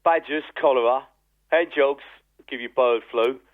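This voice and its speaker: A man's voice: mid-range voice, moderate pace, close to an everyday voice. An actor playing a crude, blunt male caller to a radio phone-in show, talking over a phone line. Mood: ranting. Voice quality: blunt, coarse ranting.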